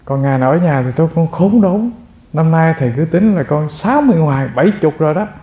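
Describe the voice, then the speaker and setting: Animated and fast, this monk's fairly high, warm voice carries a Dharma talk full of stories aimed directly at his listeners. The recording has a roomy feel.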